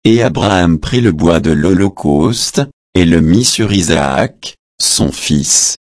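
Low-voiced guy reading scripture real slow and deliberate. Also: lively intonation, a little mellow, no room sound, studio quality. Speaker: scripture reader.

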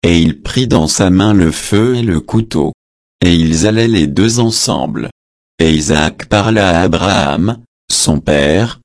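A man giving a measured, deliberate reading of scripture, even reading out the footnotes. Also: sits low, dry recording, studio quality. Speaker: scripture reader.

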